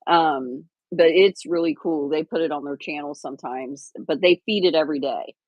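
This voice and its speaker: With lots of fillers and false starts, a livestream co-host chats and rambles casually. She speaks at normal speed in a low voice, and the lo-fi recording has no room sound.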